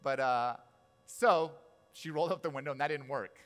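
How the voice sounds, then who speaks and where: A man's voice: medium pitch, normal speed, a bit bright. Man, forties, pastor, casual sermon, storytelling, frequent asides to the audience. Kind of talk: conversational sermon.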